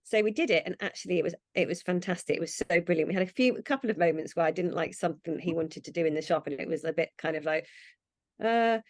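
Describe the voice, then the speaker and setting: A woman's voice: on the low side, fast, darkish tone, dry recording, studio quality. A woman, a brand founder, chatting in an interview and acting out her own past thoughts. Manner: chatty, acts out quoted thoughts. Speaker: brand founder, podcast guest. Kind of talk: casual interview chat.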